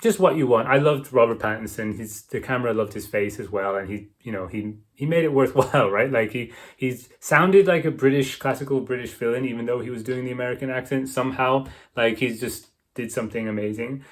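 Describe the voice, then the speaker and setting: A man's voice: medium pitch, a little fast, hardly any pauses. Rambling man talking films and books. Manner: rambling, lots of fillers and "right?"; enthusiastic, opinionated. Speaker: book and film reviewer. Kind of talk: casual video review.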